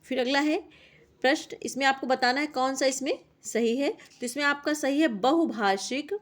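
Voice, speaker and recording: A young woman teaching a class on language teaching, reading out lists of points in a steady classroom manner. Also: high voice, moderate pace. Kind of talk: exam-prep lecture reading out points.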